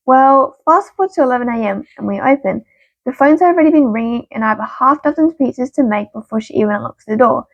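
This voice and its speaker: A woman reading stories aloud as the channel's narrator, expressive and punchy with quick asides. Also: a little high, no room sound, highs cut off. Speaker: story reader.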